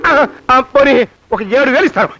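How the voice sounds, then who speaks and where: Film comic, haggling miser; high, bright, swinging delivery. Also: male voice, animated, moderate pace, muffled recording, slight background noise, full character voice. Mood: haggling, grumbling. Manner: grumbling, haggling, shouting. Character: grumbling stingy male moneylender being blackmailed. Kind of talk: Telugu film comedy scene.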